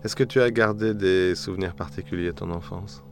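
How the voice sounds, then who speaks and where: A woman's voice: extremely low pitch, brisk, darkish tone, a little hiss or hum. A woman interviewing someone in a conversational way. She asks probing follow-up questions and keeps saying "mhm.".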